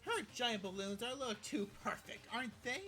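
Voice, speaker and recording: A man's voice: very high voice, lively intonation, brisk, a little hiss or hum, pitched above the performer's own voice, full character voice. Genocide Jack, as a man puts her on. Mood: taunting. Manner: loud, mocking, gleeful. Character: manic, taunting female serial killer. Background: game music.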